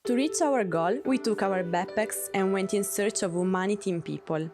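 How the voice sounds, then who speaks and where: A woman, narrating a travel vlog voice-over in an earnest, steady way. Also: medium pitch, normal speed. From Italy. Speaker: travel vlogger. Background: music.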